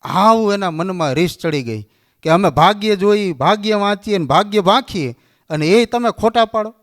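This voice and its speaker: Animated Kathiawadi Gujarati storyteller man. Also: high-pitched, normal speed. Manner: animated storyteller acting out dialogue. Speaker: religious speaker. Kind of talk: storytelling sermon.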